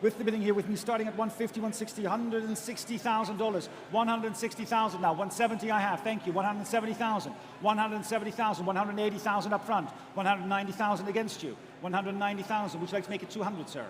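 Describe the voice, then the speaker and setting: Male auctioneer, high voice, chanting numbers and courteous bid prompts at speed; long room reverb. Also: steady tone, a little hiss or hum. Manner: rapid, repetitive chanting of figures with polite prompts to bidders. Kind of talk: live auctioneer's bid calling.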